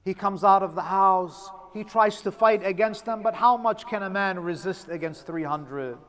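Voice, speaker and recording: A man preaching a mournful storytelling sermon, dramatic, dropping to a hush at sad moments and breaking into chanted lament. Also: high-pitched, moderate pace.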